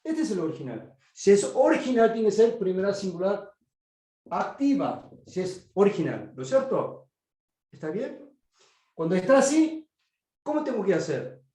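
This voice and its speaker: A man teaches grammar online in Spanish with a Korean accent, Spanish being his second language, and repeatedly checks comprehension with "¿sí?". He's a biblical Greek teacher. His voice sits high and mellow with a sing-song lilt, at normal speed, in an echoey room.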